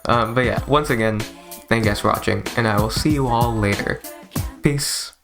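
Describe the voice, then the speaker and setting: A man reviews a movie in a casual, rambling, YouTuber-like style, enthusiastic, informal and full of swearing. His voice is medium-pitched, creaky, and at a normal speed. Video game soundtrack music plays in the background.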